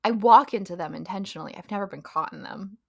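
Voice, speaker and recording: A woman's voice: medium pitch, quick pace, vocal fry, no echo, studio quality. A young woman co-hosting a podcast in casual chat, talkative and laughing often, trailing off with ums. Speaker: podcast co-host.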